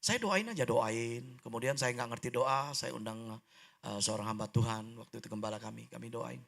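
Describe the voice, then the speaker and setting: A middle-aged man, telling a testimony during a church sermon, lively and humorous, with big swings in pitch. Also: normal speed, creaky. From Indonesia. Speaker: preacher giving testimony. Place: church hall.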